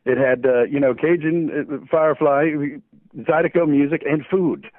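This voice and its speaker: A man's voice: fairly high pitch, moderate pace, no echo. Playful man on a tinny phone line. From New Orleans, USA. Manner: playful, jokey storyteller with frequent chuckles. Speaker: voice actor guest. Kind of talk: phone interview chat.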